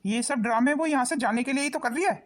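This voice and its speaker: A woman's voice: sits high, fast talker. A woman voicing a patient elderly father-in-law in a cartoon, reasoning and mildly chiding.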